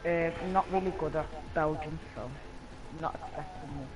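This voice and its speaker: A man's voice: a little high, moderate pace. Man on a crackling, cutting-out mic. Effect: mic cutting out and crackling over a voice call. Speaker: sim racing driver interviewed after a race. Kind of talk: casual post-race voice chat. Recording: breaking-up voice chat with music behind.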